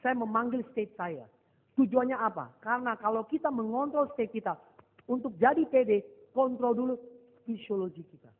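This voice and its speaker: High-voiced man teaching a seminar. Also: normal speed. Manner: lively storytelling, mixing English phrases, acting out dialogue. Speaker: motivational NLP trainer. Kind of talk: seminar talk to a live audience. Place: seminar hall. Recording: echoey hall over a thin, phone-like line.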